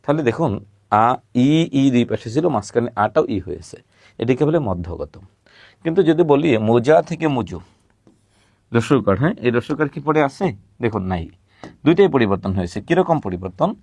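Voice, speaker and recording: A man teaching a recorded grammar lesson, patiently repeating words slowly and asking questions he then answers himself. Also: medium pitch, sing-song, darkish tone, no echo.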